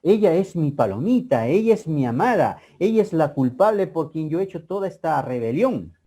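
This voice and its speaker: A man's voice: a little high, very animated, moderate pace, warm tone. A male teacher voicing a lovesick rebel general who speaks tenderly of his beloved.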